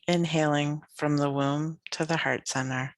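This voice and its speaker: Steady and low, this woman's voice leads a guided yoga nidra practice, calm and tender, with slow phrases and long gaps of silence. The recording is dry.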